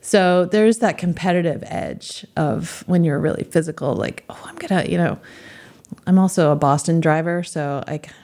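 A woman's voice: sits low, moderate pace, a little mellow. A middle-aged woman in a casual conversation, chatting in a rambling way and laughing often. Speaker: guest.

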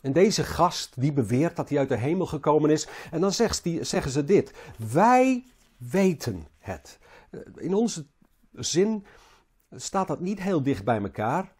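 A man preaching a Bible sermon. His voice is husky and mellow, with pitch slightly high for a man. He halts and repeats words, pushing some phrases hard and letting others sink low. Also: animated. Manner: halting, repeats words, rises and falls in emphasis.

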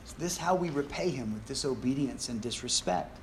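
A man's voice: mid-range voice, animated, brisk, a little hiss or hum. Earnest man preaching a sermon.

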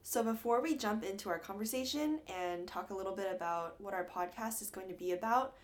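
A young woman from Atlanta, Georgia, speaks at a fairly quick pace in a mid-range voice while co-hosting a casual college radio podcast. She's upbeat and often laughs between her prepared lines.

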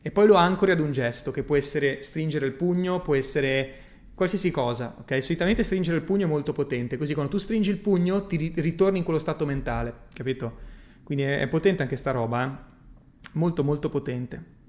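Male coach on a casual livestream, a touch higher-pitched than most men, blunt and emphatic, swears freely, keeps checking the listener follows. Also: fairly quick, a little mellow. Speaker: personal growth coach. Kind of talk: casual livestream talk reading viewer comments.

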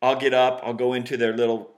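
A married man co-hosting a casual podcast, agreeable and quick with short replies. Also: medium pitch, little pitch movement, heavy background noise. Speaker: podcast co-host. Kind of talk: casual chat.

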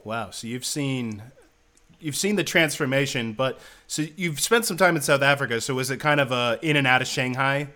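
A man's voice: medium pitch, normal speed, sharp tone. A man hosting an interview show, introducing a guest and asking friendly, curious questions. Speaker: podcast host.

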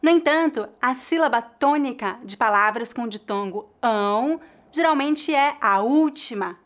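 Slow, careful Brazilian woman teacher. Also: a little high, fairly bright tone. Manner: slow, careful, clearly articulated model words. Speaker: Portuguese teacher. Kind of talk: pronunciation lesson, repeat-after-me drills.

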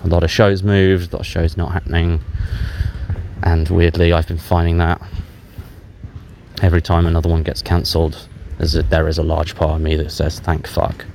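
A man speaking haltingly and candidly in a low-spirited, self-deprecating way, making a casual confessional audio diary on a handheld voice recorder outdoors. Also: flat delivery, creaky, a little mellow. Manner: hesitant, halting, candid with frequent long pauses. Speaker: podcast host. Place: outdoors in a public park while out walking. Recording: handheld dictaphone recording outdoors, background noise. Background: outdoor park ambience.

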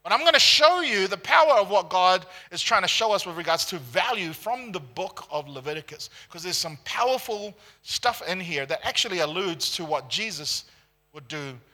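A man from Singapore, preaching a conversational sermon with animated storytelling and frequent tag questions. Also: high-pitched, moderate pace. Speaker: pastor.

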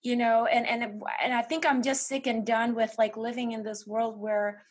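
An Indonesian woman speaks earnestly as an interview guest, often restarting her sentences and leaning on filler words in a candid conversation. Her voice is a little high and slightly rough, with little pitch movement and a moderate pace.

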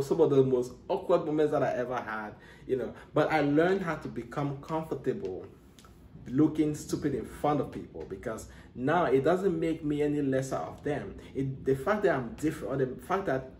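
A Cameroonian podcast host delivers a solo monologue in an earnest, motivational tone, often restarting his sentences. His medium-pitched, slightly mellow voice carries a noticeable room echo, with slight background noise.

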